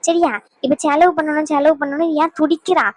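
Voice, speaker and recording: A woman voicing a caring older mother in a dubbed cartoon, coaxing and hesitant, gently scolding her son. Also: high-pitched, level tone, fairly quick, lightly acted. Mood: motherly.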